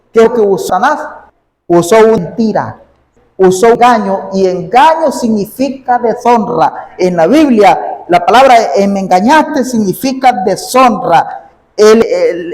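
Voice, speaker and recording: A man's voice: high voice, a little mellow. A man preaching a sermon as pastor, repeating his phrases and stopping often to say amen and ask if you see. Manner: repeats phrases, punctuates with "amén" and "¿ves?". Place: church sanctuary. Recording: long reverb of a large hall.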